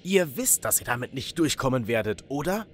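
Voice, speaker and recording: A man voicing an angry, defiant teenage boy captive in an animated storytime video. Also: medium pitch, brisk, a little hiss or hum, close to an everyday voice. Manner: urgent, defiant.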